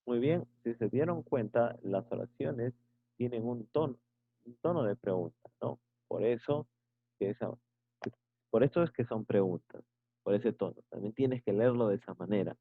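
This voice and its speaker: A man's voice: mid-range voice, lively intonation, moderate pace, vocal fry, husky, no room sound. A male teacher giving an online English grammar lesson, explaining patiently and checking in with short tag questions. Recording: tinny phone-like sound.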